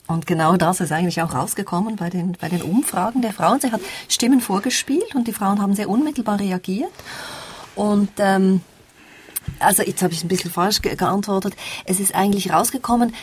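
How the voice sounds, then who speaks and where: A woman's voice: mid-range voice, husky. A woman presenting a book on a radio discussion, explaining things step by step and sometimes demonstrating sounds. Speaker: book reviewer guest.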